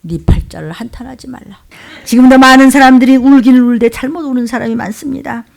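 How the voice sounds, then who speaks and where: A woman pastor delivers a fervent, emotional sermon in a gravelly voice that sits fairly high. She swings from loud, urgent bursts to low, muttered asides as she preaches. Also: fast talker.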